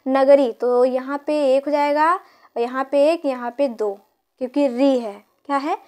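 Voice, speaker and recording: A woman's voice: high voice, steady tone, measured pace, darkish tone. A woman teacher explaining a grammar lesson, counting syllables aloud and asking her pupils questions.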